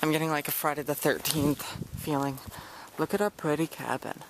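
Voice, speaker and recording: A man's voice: fairly high pitch, flat delivery, a little fast, noisy background. A young man filming a casual vlog outdoors at a woodland retreat camp, giving a joking, teasing tour with a handheld camera. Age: young adult. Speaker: vlogger.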